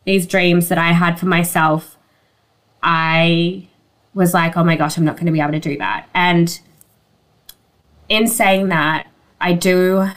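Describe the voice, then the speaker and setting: A woman with a slightly low voice talks as a guest sharing a personal story. Her delivery is candid and informal, conversational in wording and sprinkled with "like" and "you know". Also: fairly bright tone. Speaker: interview guest.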